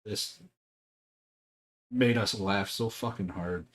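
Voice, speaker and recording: Chatting casually as he paints on stream, a young man spins relaxed stories, chuckling and swearing along the way, his fairly low voice moving slowly.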